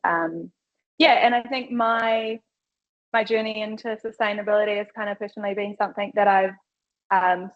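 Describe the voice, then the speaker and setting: A woman with a New Zealand accent, introducing herself on a webinar panel in an upbeat, chatty, casual way. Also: mid-range voice. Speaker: customer experience and field sales manager. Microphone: video call. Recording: dull lo-fi video call audio.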